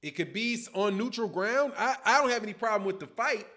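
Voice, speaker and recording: A middle-aged man with a Chicago accent hosts a boxing livestream from a dim room at home, sitting at his desk with a webcam mic, chatting loosely in slang and reading viewer comments. His voice is high-pitched, animated, fairly quick, pushed and bright.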